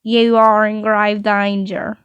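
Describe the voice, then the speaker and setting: A woman voicing a hulking, scarred stranger who gives a slow, grave warning in a story reading. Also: mid-range voice, level tone, clean tone, dry recording, muffled recording, close to an everyday voice. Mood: ominous.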